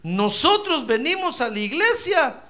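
Animated, high-voiced preacher man. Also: a little slow. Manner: animated preaching, addresses listener as hermano. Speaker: pastor. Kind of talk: sermon.

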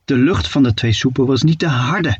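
A man narrating a children's story with playful, expressive delivery. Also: medium pitch, normal speed, breathy edge, lo-fi sound.

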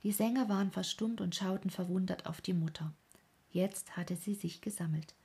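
Narrator: woman, breathy half-whisper, gentle storybook reading. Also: lowish voice, moderate pace.

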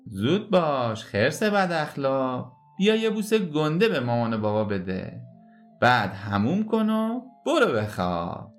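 A woman voicing a kind, patient papa bear who gently coaxes his cub in a storybook reading. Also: rumbling low, sing-song, soft background music, pitched below the performer's own voice. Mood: coaxing. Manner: gentle, coaxing, playful.

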